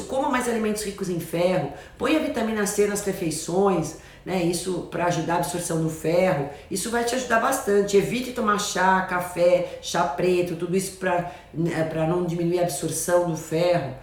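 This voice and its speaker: A middle-aged woman doctor, casually answering viewer comments on a live stream. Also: lowish voice. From Brazil. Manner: chatty, reads comments aloud and gives friendly advice. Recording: roomy echo.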